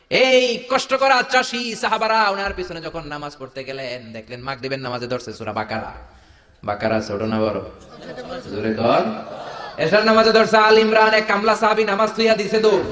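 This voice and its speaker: A man with a Bangladeshi Bengali accent preaching a sermon, jokey and animated, firing rhetorical questions at the crowd. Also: sits high. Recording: echoey hall, dull lo-fi sound.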